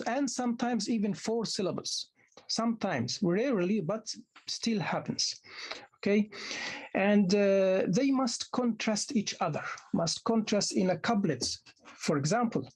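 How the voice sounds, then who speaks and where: A man, a native Arabic speaker, lecturing postgraduate students in a halting way, often restarting and repeating words as he explains. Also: high voice, breathy edge. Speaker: university lecturer. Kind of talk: academic lecture.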